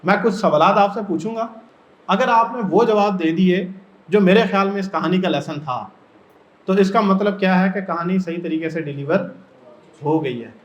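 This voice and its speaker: A man from Pakistan training teachers in a workshop, explaining step by step and often putting questions to the room. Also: high-pitched. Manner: explains step by step and keeps asking the audience questions. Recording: echoey room, dull lo-fi sound.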